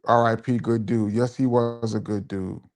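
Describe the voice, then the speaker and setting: A live-stream DJ host reads viewer comments, reminisces, gives shout-outs, and repeats phrases for emphasis in a casual way. His voice is medium-pitched, his delivery flat, and his pace moderate.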